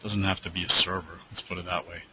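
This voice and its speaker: A deep-voiced man with a sharp, forceful tone hosts a live trading webinar and answers viewer questions. He talks loosely, with plenty of fillers and restarts, and is losing his voice. A faint hiss sits under his computer mic. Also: little pitch movement, fast talker, poor audio.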